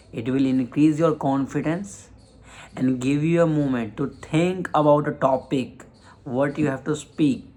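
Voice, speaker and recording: A man talks through public speaking advice at an unhurried, slow pace. His voice sits at a middle pitch, and he pauses often, restarting phrases as he goes. It is a motivational lesson on confidence. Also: darkish tone, rough recording. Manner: slow, deliberate delivery with frequent pauses and restarts. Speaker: communication skills coach. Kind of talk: motivational self-help lesson.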